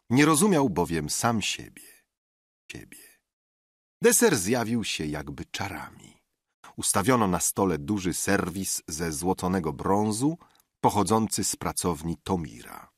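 A man narrating a classic novel in a measured, expressive reading. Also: sits low, breathy edge, no echo, studio quality. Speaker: audiobook narrator. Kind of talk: scripted narration.

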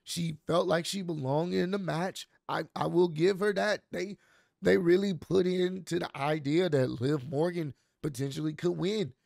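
Recording from his home studio into a big boom-mounted studio mic, a thirtysomething man with a ragged, nearly lost voice runs through a wrestling show for his channel. His pitch is on the high side and his pace measured. He's animated and slangy, gesturing as he talks, with soft instrumental music playing and no echo.

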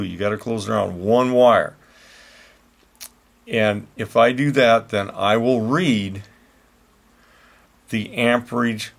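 An older man, an HVAC repair instructor, explaining a hands-on meter demonstration in a plain, folksy, unhurried way at a workshop bench. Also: on the low side, creaky.

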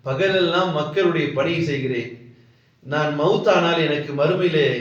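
A man's voice: fairly high pitch, close to an everyday voice. A man voicing an aged, pious male governor who speaks in a solemn, pleading way. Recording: echoey hall, distant mic, dull lo-fi sound.

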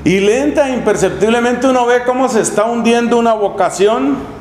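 Middle-aged friar, high voice, sermon in an echoey room with faint hum. Lively storyteller. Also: male voice, moderate pace. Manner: lively storytelling, acts out scenes with humor. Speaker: friar preacher. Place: chapel in a monastery.

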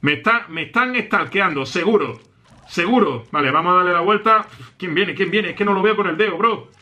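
Excitable gamer man, bright voice. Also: a little fast. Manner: excitable, shouts and jumps high in pitch at game moments. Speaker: gaming youtuber. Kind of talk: live gameplay commentary.

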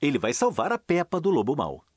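A man's voice: fairly high pitch, huge pitch swings, fairly quick, darkish tone, no room sound, clean studio sound, faint music behind. A man giving scripted storybook narration for a dubbed children's cartoon.

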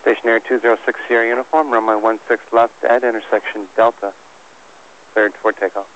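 A man's voice: mid-range voice, steady tone, brisk, a bit bright. A man working as an airport tower air traffic controller, giving clipped instructions over air band radio. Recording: muffled radio with faint static.

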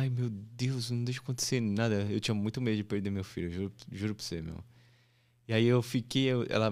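A man, a podcast guest telling a heartfelt story in a casual, emotional way. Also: lowish voice. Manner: animated, emotional, repeats "meu" and "pô".

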